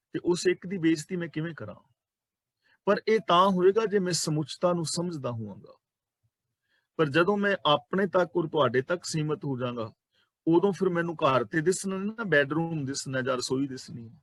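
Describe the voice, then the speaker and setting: A man with a Punjabi accent gives a sermon on scripture, his voice sitting somewhat high for a man. He explains patiently, repeating key words and asking rhetorical questions of his listeners. The sound is dry and close, with little room echo. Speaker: Sikh preacher explaining scripture.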